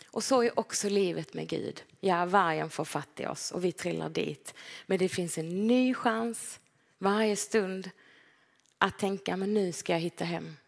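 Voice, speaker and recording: A woman preaching a gentle, personal sermon in a church, now and then acting out short quoted lines. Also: on the low side, gravelly. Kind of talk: conversational sermon. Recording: long hall reverb.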